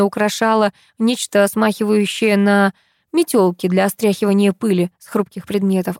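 A woman narrating a humorous first-person audiobook story in a lively, ironic manner. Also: mid-range voice, no room sound, clean studio sound.

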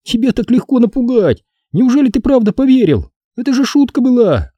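A man's voice: very high-pitched, big pitch swings, brisk, dark tone, husky, dry recording, muffled recording, pitched above the performer's own voice, heavily acted. A man voicing a mischievous young girl who mocks and teases her friend in a storybook reading. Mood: taunting. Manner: mocking, taunting.

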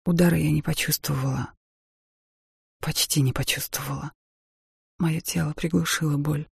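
A woman reading a first-person audiobook in a measured, dramatic way. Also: lowish voice, creaky, a little mellow, husky, no echo, clean studio sound. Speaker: audiobook narrator.

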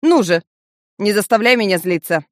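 A woman's voice: mid-range voice, expressive, normal speed, no echo, clean studio sound, pitched above the performer's own voice, close to an everyday voice. A woman voicing a cruel male master of death who threatens and coaxes with false kindness. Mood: threatening. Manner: menacing, coaxing with false kindness. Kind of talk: audiobook character voicing.

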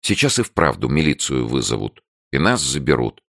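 A man voicing a tired, gloomy young woman who speaks quietly and with restraint in an audiobook. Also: very deep voice, very animated, normal speed, creaky, no echo, clean studio sound, heavily acted. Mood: indignant. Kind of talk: audiobook character voice.

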